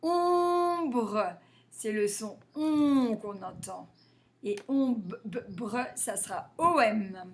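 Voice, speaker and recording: Slow-talking woman sounding out syllables. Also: medium pitch, expressive. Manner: sounds out letters and syllables slowly. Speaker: teacher. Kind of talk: slow phonics lesson for young children.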